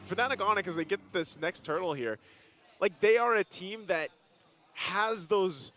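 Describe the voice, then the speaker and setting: A man's voice: high-pitched, a little slow. A man giving live esports color commentary, talking through the game in loose, rambling analysis on a headset mic. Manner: relaxed, rambling analysis with fillers.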